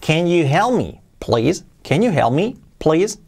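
A man teaching English phrases in a video lesson for Spanish speakers, repeating each one slowly to model the pronunciation. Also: fairly high pitch, very animated, vocal fry, darkish tone.

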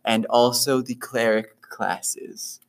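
A man voicing a short, neatly dressed, bearded male dwarf teacher in a low, quiet voice. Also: fairly even intonation, takes it slowly. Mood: formal.

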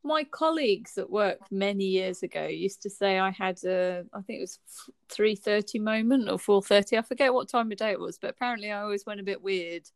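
A woman co-hosting a podcast in casual chat, quick to laugh. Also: medium pitch, dry recording. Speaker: podcast co-host.

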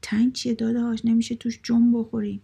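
A woman's voice: medium pitch, vocal fry, mellow, husky. A woman voicing a timid young husband who eagerly exaggerates complaints in a storybook reading. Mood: exaggerating. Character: timid young husband Farid, suddenly bold.

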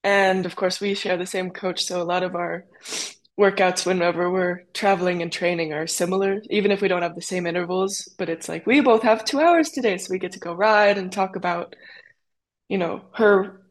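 A woman's voice: lowish voice, steady tone, moderate pace. A young adult woman, a cyclocross racer, answering interview questions in a chatty way with lots of fillers. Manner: chatty, with many fillers and quoted asides.

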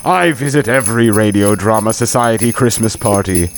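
A man's voice: on the low side, moderate pace, soft background music, voice pushed down, natural voice. A man voicing a jolly old Santa Claus, with hearty grandfatherly laughter.

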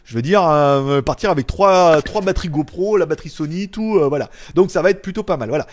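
A man chatting casually on a live stream, reading viewers' comments and joking, loud one moment and mumbling the next. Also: a little high, brisk. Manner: loud, jokey, trails off into mumbles and chuckles. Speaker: tech YouTuber hosting a live stream. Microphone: small clip-on mic.

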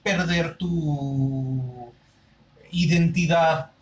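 A Mexican podcast co-host with a Mexican Spanish accent speaks extremely slowly in a voice on the high side, and the audio quality is poor. He's curious and explanatory, thinking aloud as he chats casually about where words come from.

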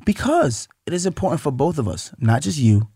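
A man in his thirties, co-hosting a casual couples podcast, teasing and dropping into a low, soothing tone to make his points. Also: big pitch swings, a little fast, dark tone, husky, no echo, studio quality. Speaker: podcast co-host.

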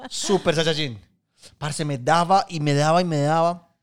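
A Colombian Paisa co-host on a podcast, he has a fairly high, clear, resonant voice and talks a little slowly. His casual stories are animated and slangy, and he swears without holding back.

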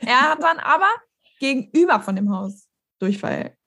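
A woman chatting casually, telling an animated story with frequent laughter. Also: sits high, moderate pace. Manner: animated storytelling, laughs often, mimics others. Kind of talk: casual chat.

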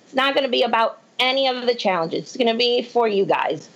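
A woman's voice: fairly high pitch, lively intonation, fairly quick, creaky, lo-fi sound. Chatty woman caller from Puerto Rico. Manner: chatty, rambling, laughs as she talks. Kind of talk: phone-in question.

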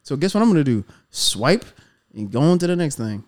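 A man's voice: a little high, a little fast. Ranting, cursing male podcast host. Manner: ranting, profane, animated. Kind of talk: casual podcast chat.

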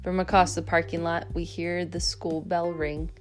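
Low-voiced woman reading a kids' audiobook. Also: level tone, moderate pace, faint music behind. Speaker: audiobook narrator. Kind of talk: first-person audiobook narration.

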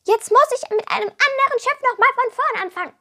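A woman's voice: extremely high pitch, fast talker, bright, forceful tone, pitched above the performer's own voice, heavily acted. A woman voicing a small, grumpy and boastful male water goblin who curses and brags indignantly. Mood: grumbling. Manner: indignant, cursing, bragging.

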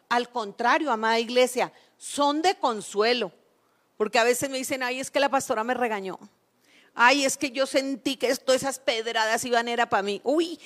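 High-voiced woman preaching with emphasis. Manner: emphatic, asks the congregation questions and acts out everyday voices. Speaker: prophet preaching to a congregation. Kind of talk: sermon.

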